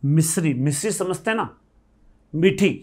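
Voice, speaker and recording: A man teaching grammar at a board, explaining patiently, repeating words slowly and asking the class for yes or no. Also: a little high, expressive, a little mellow. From India.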